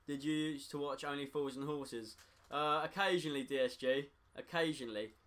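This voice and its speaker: A young man streaming a football game, reacting to play and chatting to his viewers, easily frustrated. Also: on the high side. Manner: excitable, talks to chat, quick to frustration. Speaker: gaming streamer. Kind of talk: live gameplay commentary.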